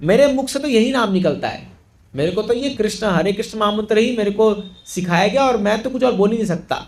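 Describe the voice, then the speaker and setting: A man's voice: high-pitched, animated, fairly quick. A man voicing a devout, unshakable saint who speaks earnestly in a retold story. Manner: earnest, pleading.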